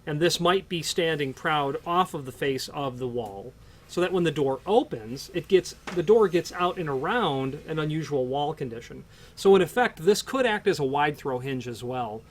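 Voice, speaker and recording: A man with a somewhat raised pitch talks through door hardware unscripted. His explanations wander, restart mid-sentence and lean on fillers as he thinks aloud. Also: animated, moderate pace. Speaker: hardware product presenter.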